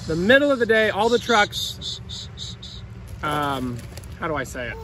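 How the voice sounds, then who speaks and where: A man's voice: sits high, very animated, a little slow, pushed and bright. A man in his thirties, a farmer, chatting casually in a matter-of-fact, joking way. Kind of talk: casual chat. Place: outdoors in a field. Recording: noisy outdoor phone audio.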